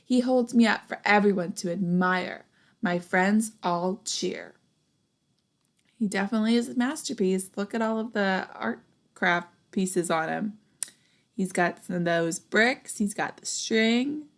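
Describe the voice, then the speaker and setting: In a mid-range voice marked by vocal fry, a young teacher reads a children's storybook slowly and deliberately. Her reading is expressive, and she adds little remarks and questions for the children along the way.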